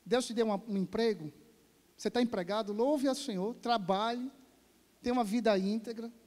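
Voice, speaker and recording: High-voiced pastor preaching in a hall. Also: male voice, normal speed. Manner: animated preaching, rising to loud exhortation. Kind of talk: sermon. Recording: church hall reverb.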